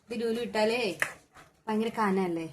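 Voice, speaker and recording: A woman's voice: medium pitch, unhurried, very noisy. A woman with a Kerala accent, chatting casually and playfully as she cooks with a small child at home. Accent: Kerala Malayalam. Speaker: home cook vlogger. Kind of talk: casual family cooking chat. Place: home kitchen.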